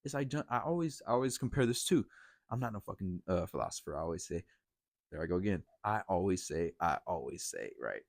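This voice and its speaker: Blunt, low-voiced man ranting casually. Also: animated, fast talker, gravelly, a little mellow, dry recording, studio quality. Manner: blunt, profane, rambling with restarts. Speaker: podcast host. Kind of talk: casual motivational monologue.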